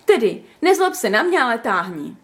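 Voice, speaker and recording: A woman reading a story aloud, voicing an excitable, easily offended young woman in a high, indignant voice. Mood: indignant, playful. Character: lively, touchy young woman playing a game.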